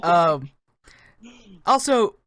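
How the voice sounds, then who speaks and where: A man's voice: high voice, sing-song, fairly bright tone, no room sound, clean studio sound. Sarcastic man recapping on a podcast. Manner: laughs easily, sarcastic asides, halting restarts. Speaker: podcast co-host. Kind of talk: casual wrestling recap chat.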